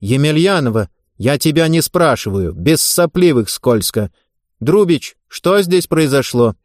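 A man's voice: a little high, lively intonation, unhurried, no echo, studio quality. A man voicing a strict, irritable woman gymnastics coach who speaks sharply and commandingly. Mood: stern.

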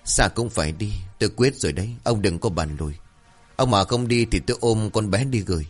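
A man's voice: on the low side, a little fast, faint music behind, lightly acted. Man voicing an anxious village mother. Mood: determined. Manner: pleading, worried questioning. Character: anxious village mother, middle-aged woman.

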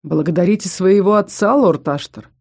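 A composed, commanding king who never raises his voice, as a woman reads him. He sounds certain of every word, with a warm, mellow tone. The delivery is that of an audiobook storyteller. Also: lowish voice, moderate pace. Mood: firm. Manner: steady, assured speech. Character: commanding male king, calm and firm.

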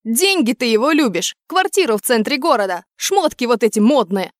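A woman voicing a furious middle-aged father who yells accusations at his wife and daughter. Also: on the high side, expressive, moderate pace, no echo, clean studio sound, close to an everyday voice. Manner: yelling, accusing.

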